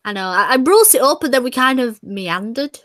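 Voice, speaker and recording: A woman's voice: on the high side, lively intonation, a little fast, fairly bright tone, dry recording, studio quality. A woman co-hosting a casual stream chat, laughing and poking fun at herself. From Britain. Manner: chatty, laughing, self-mocking. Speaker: co-host.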